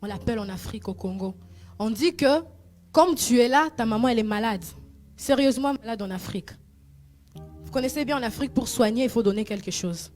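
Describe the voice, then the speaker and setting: A woman telling a true story as a moral lesson, animated and full of rhetorical questions. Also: on the high side, a little fast, soft background music.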